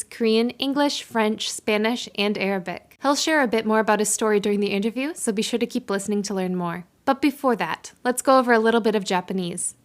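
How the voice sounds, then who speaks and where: Woman reading a podcast intro. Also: mid-range voice. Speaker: podcast host.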